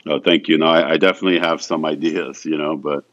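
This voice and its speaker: His pitch is extremely low and his intonation fairly even, and he talks fast over audio with the highs cut off. He's a photographer from France, a soft-spoken, hesitant interview guest who keeps restarting and leaning on "you know."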